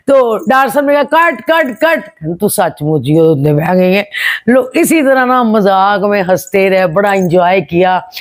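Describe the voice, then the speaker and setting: An older woman, an actress reminiscing to camera as a lively storyteller who imitates other people. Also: a little high, dry recording. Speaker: film actress.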